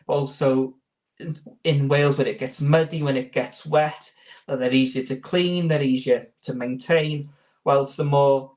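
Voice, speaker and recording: A man's voice: fairly high pitch, a little mellow. A man giving informal interview answers as a sheepdog handler, explaining in a hesitant, rambling way.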